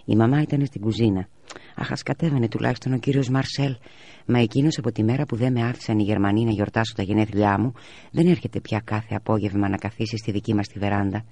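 A man reading a children's story aloud in a measured way. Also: on the low side, steady tone, creaky, dark tone, no room sound.

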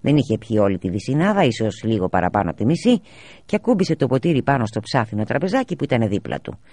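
A man reading a children's story aloud in a measured way. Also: mid-range voice, sing-song, a little mellow, no room sound.

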